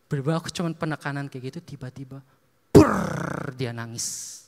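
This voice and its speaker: A male preacher telling stories in a sermon, lively, acting out dialogue and laughing often. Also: medium pitch, moderate pace, creaky. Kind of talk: sermon storytelling. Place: church hall. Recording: long reverb of a church hall.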